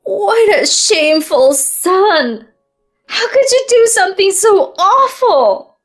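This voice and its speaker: A woman voicing an angry older mother who scolds her son in a shrieking, high voice. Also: expressive, slow pace, soft background music, exaggerated voice. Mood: outraged.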